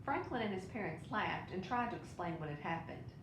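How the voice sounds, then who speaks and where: Woman reading a picture book out loud, expressive, echoey room w rumbly noise behind. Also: a little fast. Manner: expressive, with brief asides to listeners. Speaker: storybook reader. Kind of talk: children's picture book read-aloud. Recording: roomy echo, clear low rumbling noise.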